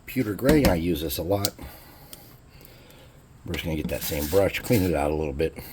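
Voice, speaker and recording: A man's voice: low voice, lively intonation, normal speed, background noise. A man hosting a casual hobby crafting tutorial, chatting in a laid-back, jokey way as he works. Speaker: crafting channel host.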